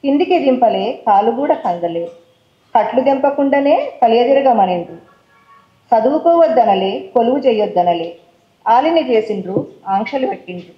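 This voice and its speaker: A woman speaking with a Telangana accent introduces her poems chattily, mixing in English words, and recites them with rhythm at a poetry forum event on stage. She has a slightly high, expressive voice at normal speed; the recording is roomy, with the highs cut off.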